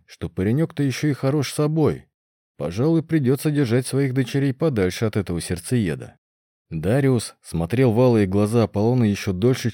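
A man reading a fantasy novel aloud in a measured storytelling manner. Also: fairly low pitch, mellow, no room sound, clean studio sound. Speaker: audiobook narrator. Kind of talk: scripted fantasy narration.

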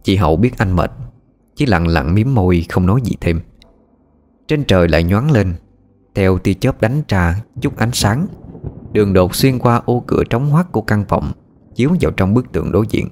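A man narrating a scripted ghost story in an expressive, suspenseful reading. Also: lowish voice, normal speed, slight background noise.

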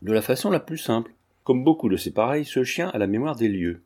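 Male reader as a calm, resolute gentleman, dark mellow tone. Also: medium pitch, brisk, close to an everyday voice. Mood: reasoning. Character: gallant, calm young gentleman. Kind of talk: audiobook character reading.

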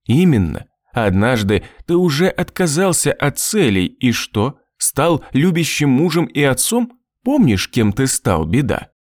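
A man's voice: medium pitch, big pitch swings, unhurried, hardly any pauses, darkish tone, no echo, clean studio sound, pitched above the performer's own voice. A man voicing a mocking, sinister male manipulator in an audiobook, with a sneering, taunting manner.

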